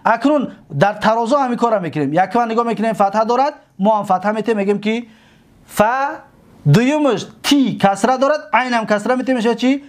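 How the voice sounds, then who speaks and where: A man with a Tajik accent teaching a grammar lesson, asking questions and stretching out words slowly as he repeats them. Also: sits high. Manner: drawn-out slow repetitions of words, questions to students. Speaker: religious school teacher.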